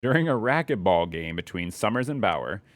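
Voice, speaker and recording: A young man chatting casually on a live stream, rambling and thinking out loud as he follows his curiosity. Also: lowish voice, sing-song, normal speed, dry recording.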